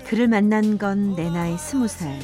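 With music playing behind her, a woman voices a narrator in her fifties recounting her first love for a radio drama. Her mid-range voice sounds close to everyday speech at normal speed, and the telling is wistful, sentimental, and reflective.

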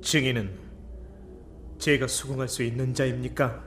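An actor playing a calm, dignified wizard teacher, respectful yet firm, in a fantasy audio drama. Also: male voice, mid-range voice, normal speed, faint music behind, natural voice.

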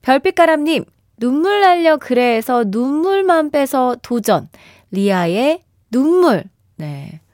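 Woman radio host, 30s, playful and lively, slightly high voice, dry booth sound. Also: slow pace, no room sound. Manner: bright and lively, laughs often, playful exaggerated reactions. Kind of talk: radio show hosting, reading listener messages. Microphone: studio microphone. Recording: dry studio sound with faint music bed.

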